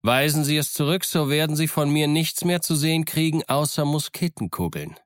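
A man's voice: on the high side, normal speed, no echo, pitched above the performer's own voice, lightly acted. A cunning pirate leader on a crutch, voiced by a man reading an audiobook bellows threats and curses in a raised, strained voice. The sound is close and dry, with no room around it. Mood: defiant. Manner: loud, threatening, cursing. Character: cunning, blustering middle-aged male pirate leader on a crutch.

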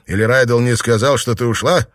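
A man playing a jealous, hot-tempered husband who blusters and shouts in an audiobook. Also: mid-range voice, a little fast, no room sound, studio quality, pitched above the performer's own voice, natural voice. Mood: furious.

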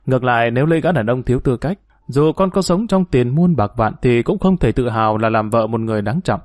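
A man's voice: mid-range voice, expressive, a little fast, a little mellow, no room sound, close to an everyday voice. A man reading as a stern, lecturing father. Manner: lecturing, firm. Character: stern middle-aged father lecturing his daughter.

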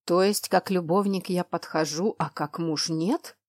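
Woman playing a gruff young dragon man. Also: fairly low pitch, measured pace, darkish tone, dry recording, studio quality. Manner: grumbling, blunt.

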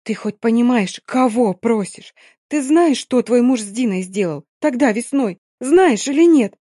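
A woman's voice: fairly high pitch, animated, measured pace, mellow, breathy edge, dry recording, studio quality. Woman voicing an agitated young girl. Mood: urgent. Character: young noble-born girl turned Romani, agitated.

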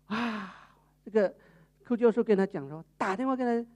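A woman evangelist, preaching a sermon and telling a story with lively acted-out quotes. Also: on the high side, fairly quick, lo-fi sound. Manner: animated storytelling, acting out quoted people.

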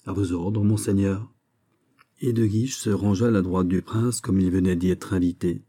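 Brief: male audiobook narrator, measured literary read, very dark and mellow tone, husky edge. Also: deep voice, steady tone. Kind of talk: scripted narration of a classic novel.

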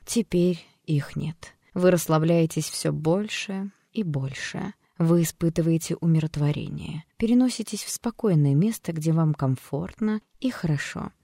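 An audiobook reader playing a calm female psychotherapist who speaks slowly and soothingly, like in a hypnosis session. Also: mid-range voice, no room sound, studio quality, close to an everyday voice. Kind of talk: audiobook character voice.

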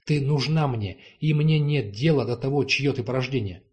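A man's voice: mid-range voice, normal speed, a little mellow, lightly acted. A man reading the lines of a passionate young duke in an audiobook, heated and insistent.

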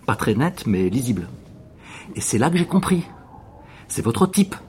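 A man's voice: mid-range voice, very animated, a little slow, darkish tone, a little hiss or hum. An actor playing an eager male witness who insists on explaining everything at length.

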